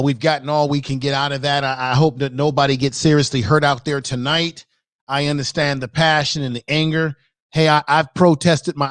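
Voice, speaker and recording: A man's voice: on the high side, dry recording, clean studio sound. A man hosting a live stream with casual, conversational commentary, repeating points for emphasis.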